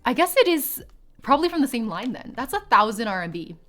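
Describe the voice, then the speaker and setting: Giggly bright-voiced woman streamer. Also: a little high, very animated, a little fast, faint music behind. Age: 20s. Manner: rambling, giggly, swears casually. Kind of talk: casual chat with live chat.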